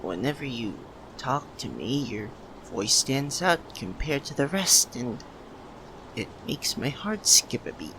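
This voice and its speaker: This heavily acted ASMR roleplay has a male voice actor as a nervous young man in love, addressing his childhood best friend in a mid-range voice. His confession is wistful, very slow, halting and full of stammers and pauses. The recording is rough, with clear steady ambient noise behind him.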